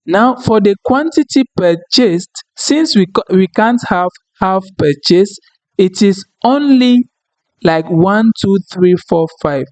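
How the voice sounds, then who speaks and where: Walking through a data tool one step at a time, an expressive, higher-pitched instructor whose first language is French explains at an unhurried pace and often asks "okay?" or "right?" It's a screen-recorded software tutorial, and his voice sounds close and dry, free of room echo.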